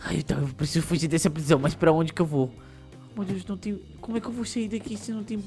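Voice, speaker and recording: A man's voice: high voice, quick pace, darkish tone, faint music behind. A man voicing a bratty, easily stressed little boy with a whiny, panicky manner and cheeky insults, in a Minecraft role-play. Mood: scared.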